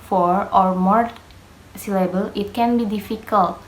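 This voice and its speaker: A young female student presents a lesson on pronunciation, slowly and hesitantly, stopping often for fillers. She speaks Indonesian as her first language, and her English has small grammar slips. Her voice sits at a middle pitch in an echoey room. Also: fairly even intonation. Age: young adult.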